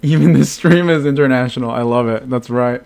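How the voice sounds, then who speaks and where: Brisk and gravelly yet a little mellow, this medium-pitched voice belongs to a man in his thirties from the United States. He gives casual commentary on a live stream, laughing a lot and responding to chat as he plays.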